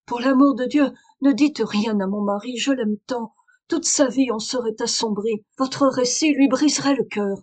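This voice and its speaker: A woman's voice: medium pitch, normal speed, darkish tone, close to an everyday voice. A woman reader voicing a desperate aristocratic young wife in a French audiobook, pleading and urgent. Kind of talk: audiobook reading of a detective story.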